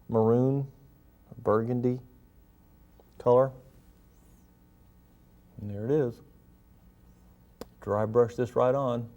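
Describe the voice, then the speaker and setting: A man giving a gentle, folksy painting lesson, talking casually and step by step as he demonstrates. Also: medium pitch. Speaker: painting instructor and show host.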